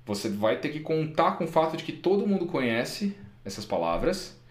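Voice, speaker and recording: A man's voice: fairly high pitch, moderate pace. A man with a Brazilian Portuguese accent, a podcast co-host and interpreter chatting casually and emphatically. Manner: animated, laughs often, emphatic. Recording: echoey room.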